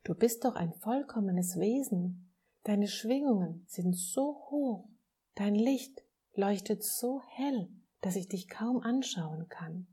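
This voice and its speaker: A woman's voice: mid-range voice, lively intonation, slow, warm tone, slightly rough. A woman voicing a small, childlike soul who is eager and restless in a storybook reading.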